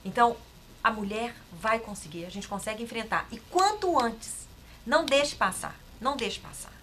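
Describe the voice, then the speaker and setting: A woman's voice: fairly high pitch, expressive, normal speed, a bit bright, a little hiss or hum. A middle-aged woman with a Brazilian accent, speaking as a talk-show guest in an emphatic, encouraging way and often repeating phrases. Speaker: guest sharing a breast cancer experience. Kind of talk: casual talk-show conversation.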